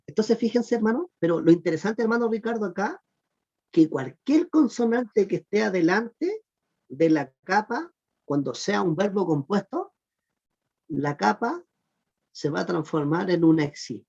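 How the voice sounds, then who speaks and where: A teacher giving an online class on Greek verb grammar, patiently repeating "look" and asking the class whether it is clear. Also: medium pitch, animated, a little slow, a little mellow. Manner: patient, repeats "miren" and "fíjense" often; asks the class check questions. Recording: muffled lo-fi recording.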